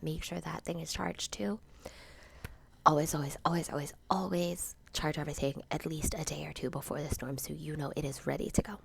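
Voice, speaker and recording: A woman's voice: sits low, vocal fry, breathy edge. A woman from Florida, a teacher, whispering through a casual home how-to vlog while sick and sniffly. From Florida, USA. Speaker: teacher and channel host. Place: at home in a dark room.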